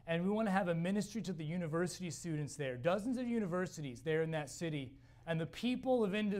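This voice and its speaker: Hoarse young male missionary, high-pitched, halting delivery with frequent restarts. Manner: halting, repeats words often. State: hoarse, losing voice. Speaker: missionary speaker. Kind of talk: church missions talk.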